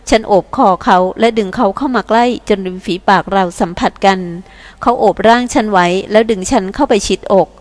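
A woman's voice: mid-range voice, no echo. Woman narrating an emotional audiobook. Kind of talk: scripted first-person narration.

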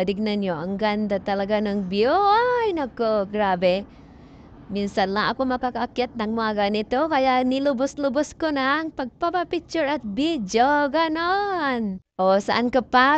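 Upbeat woman vlogger outdoors on a peak, fairly high voice, unhurried talk, dull lo-fi phone sound. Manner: bubbly, playful, addresses viewers as friends. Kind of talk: chatty hiking vlog.

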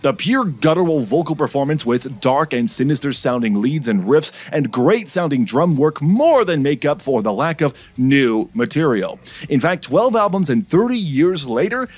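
A man hosting a metal music podcast, talking in an energetic, jokey and profane way as he reviews albums. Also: no room sound. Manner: animated, jokey, profane, swings pitch up for emphasis. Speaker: podcast host.

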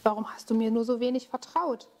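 A woman reading the lines of Jesus as a calm, reassuring man, gently, for children. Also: fairly high pitch, brisk, lightly acted. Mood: gently reproachful.

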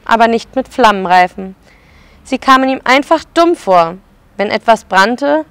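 A woman preschool educator reading a picture book aloud to children and pausing to explain the pictures. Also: on the high side, vocal fry, dry recording.

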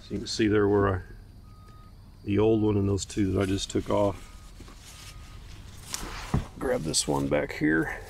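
With a lowish, creaky voice and a measured pace broken by long pauses, a man gives an unscripted outdoor tour of his garden. The homestead vlogger keeps it casual, folksy, and plainspoken, and faint ambient noise can be heard.

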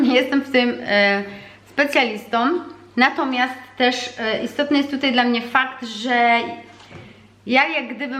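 A woman teaching her young son to read at home, explaining calmly and patiently with frequent hesitations. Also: sits high. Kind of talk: home reading lesson vlog. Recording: echoey room with faint noise.

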